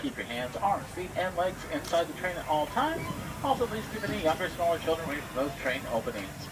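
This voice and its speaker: A man's voice: sing-song, fairly quick. A man working as a train conductor, making live safety announcements to passengers aboard a theme park train. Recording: noisy train PA, distant mic, heavy rumble. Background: loud train and ambient noise.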